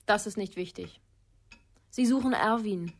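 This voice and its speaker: This actress, a touch slow and mid-range in pitch, sounds nearly conversational. She plays a fearful, guarded young woman protecting her half-brother in a radio crime drama, keeping her statements brief and withholding, her tone flat and cautious.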